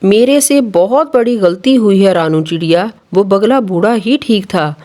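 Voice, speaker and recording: A gentle, trusting father pigeon in a kids' cartoon story, voiced by the narrator, speaking politely and earnestly, a touch higher than the narration. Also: unhurried, close to an everyday voice. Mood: distressed.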